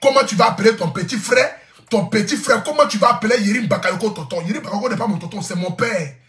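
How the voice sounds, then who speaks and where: A man's voice: high voice, fast, fairly bright tone, reverberant, faint music behind. A man telling a comic vlog story, boisterous, laughing often and repeating his phrases. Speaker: social media influencer. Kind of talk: casual comic vlog monologue.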